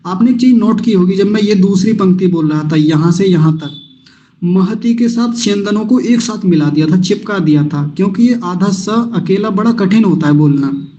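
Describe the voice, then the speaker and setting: A man's voice: high voice, mellow, muffled recording. A man teaching Sanskrit verse recitation in an online class, breaking words into syllables patiently and having students repeat after him. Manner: patient, slow, syllable-by-syllable pronunciation drills.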